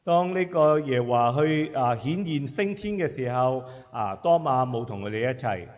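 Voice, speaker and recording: A man interpreting a sermon phrase by phrase, measured, with frequent filler sounds between phrases. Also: mid-range voice, lively intonation, darkish tone. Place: church hall. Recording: echoey hall, dull sound.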